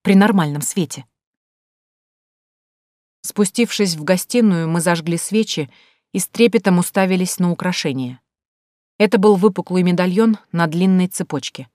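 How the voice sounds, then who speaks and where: Woman, audiobook narrator, low voice, measured suspense, dry close mic. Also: darkish tone, dry recording. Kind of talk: first-person audiobook narration.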